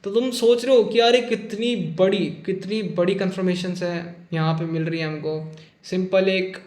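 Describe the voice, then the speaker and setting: A man's voice: high voice, fairly even intonation, normal speed, a little mellow, roomy sound. A man teaching trading over a chart in a casual, chatty way, often checking in with "okay" and calling his listeners "brother", with a joking, teasing edge. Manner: jokey, teasing about losing traders. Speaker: trading instructor. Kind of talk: casual screen-share chart lesson.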